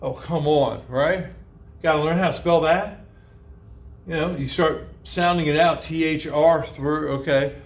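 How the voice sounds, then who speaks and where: A man's voice: fairly high pitch, unhurried. Chatty male teacher lecturing a class. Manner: conversational, chatty, with many fillers and rhetorical questions; spells words out letter by letter and sounds out old pronunciations.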